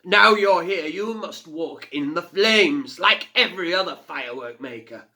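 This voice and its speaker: A man's voice: fairly high pitch, expressive, measured pace, pushed and bright, voice pushed up, full character voice. A man voicing Razvani, a mocking male fire spirit who roars and laughs in a storybook reading. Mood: commanding.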